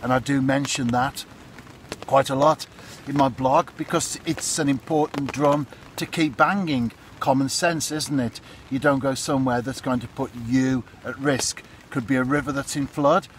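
A man's voice: mid-range voice, fairly even intonation, moderate pace. A man in his fifties gives casual to-camera fishing advice from under an umbrella, chatty and repetitive, often asking "isn't it?". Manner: chatty, repeats points, asks "isn't it?". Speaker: fishing vlogger. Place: outdoors under a fishing umbrella by a pool in a storm. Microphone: phone or camera close up. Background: storm wind and rain.

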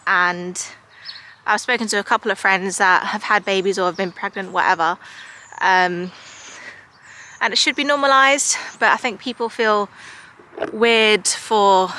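A woman in her thirties chats to camera in a bright, clear voice. She talks frankly and rambles a little, with plenty of likes and ums between her thoughts. She speaks at a middle pitch for a woman. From United Kingdom. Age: 30s. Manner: frank, confiding. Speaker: vlogger. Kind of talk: casual chat to camera.

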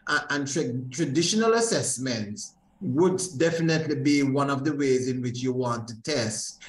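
A man's voice: medium pitch, moderate pace. A male panelist speaking carefully in an academic discussion over a video call, often repeating words as he goes. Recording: echoey room, faint noise.

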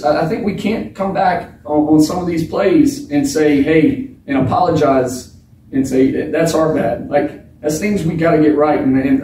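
A man in his thirties, a football quarterback, answering reporters at a post-game press conference in a frank, halting way with many restarts. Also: a little high, a little mellow, a little hiss or hum. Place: small press room with bare walls. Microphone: table mic, filmed from across the room. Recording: echoey room from a distance.

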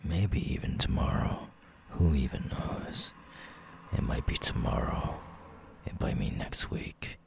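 In an ASMR roleplay, a man voices a menacing, teasing night creature with no eyes, whispering breathily, gravelly, slowly and deliberately. His very deep voice is expressive and exaggerated, the mood quietly threatening.

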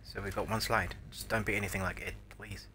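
A male game streamer in his thirties with a lowish, bright voice. He comments casually and wryly from a small room. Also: flat delivery, brisk, slight background noise. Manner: wry, muttered reactions. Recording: faint game ambience behind voice.

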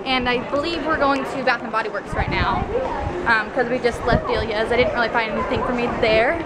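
Here the same kind of mall vlog comes from a young American woman whose voice is a little high and brisk. She rambles loudly and informally while walking, camera held at arm's length, amid the noise of a busy shopping mall crowd.

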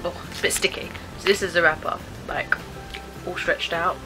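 A woman's voice: lowish voice, fairly even intonation, moderate pace, loud music behind the voice, low-quality recording. A British woman in her twenties giving casual, chatty taste-test commentary, thinking aloud with some hesitation. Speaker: vlogger reviewing snacks. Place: small bedroom, indoors.

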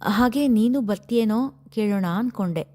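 A woman's voice: a little high, moderate pace, darkish tone, voice pushed up, natural voice. A woman voicing a shy, sorrowful young female student who speaks hesitantly. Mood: tentative. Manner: hesitant, subdued.

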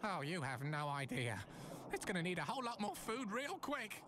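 Knowing, low-pitched cartoon expert. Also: female voice, very animated, moderate pace. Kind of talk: cartoon acting. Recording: noisy, quiet TV cartoon audio.

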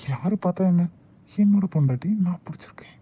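Guy doing a soft caring young husband in a cartoon, kanyakumari accent, warm dark voice. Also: a little high, flat delivery, fairly quick, slightly rough, muffled recording. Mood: affectionate. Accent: Kanyakumari Tamil. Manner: soft, comforting.

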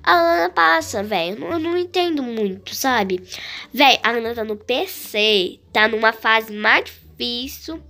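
Brazilian gaming YouTuber, female, high and animated, slangy running commentary. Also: unhurried. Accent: Brazilian Portuguese. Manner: chatty, excitable, full of slang. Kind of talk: casual gameplay commentary.

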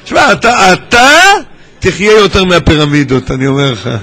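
High bright-voiced teasing man. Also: sing-song, low-quality recording. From Israel. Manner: teasing, joking, calls out to individuals in the crowd. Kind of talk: lively gathering talk to students. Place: large synagogue hall at a gathering.

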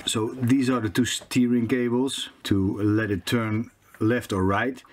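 A man in his fifties with a Dutch accent casually explains DIY repairs in halting non-native English, searching for words as if translating in his head. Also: medium pitch, little pitch movement, slight background noise. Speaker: sailing vlogger. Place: small boat cabin interior.

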